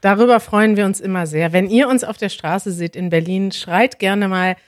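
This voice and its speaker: A woman hosts a live podcast in a casual, lively and friendly way. She speaks close to the microphone, and the sound is dry, with little room echo. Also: medium pitch, moderate pace. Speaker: podcast host. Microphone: close studio mic.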